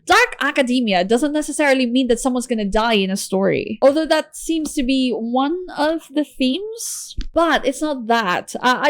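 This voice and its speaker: A woman's voice: on the high side, dry recording. A woman chatting casually in a book haul video, chirpy, with playful asides and exclamations. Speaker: book vlogger showing a book haul.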